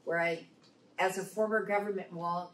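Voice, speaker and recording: Woman writer, casual panelist, somewhat low register, roomy sound with slight noise. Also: steady tone, normal speed. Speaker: fiction writer on a convention panel. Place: indoor convention panel room. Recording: echoey room, distant mic, faint noise.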